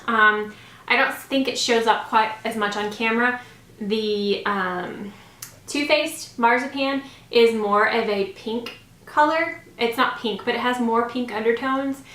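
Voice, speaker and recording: A woman in her thirties films a makeup review in a small home room, and the sound has a roomy echo. She talks a little slowly in a slightly scratchy voice that's a little high and a bit bright, staying informal and gushing.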